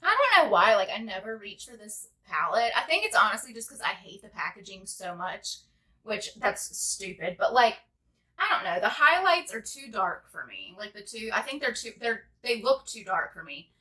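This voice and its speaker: A beauty vlogger in her twenties chats casually while doing a makeup tutorial, rambling and saying "like" constantly. Her mid-range voice is very animated and sharp-toned, at a normal speed.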